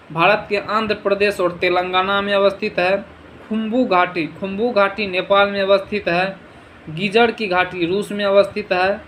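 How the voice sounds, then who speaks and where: A man's voice: high voice, fairly bright tone, slight background noise, low-quality recording. A man teaching an exam revision lesson, asking short quiz questions and answering them himself, sometimes stumbling over foreign place names.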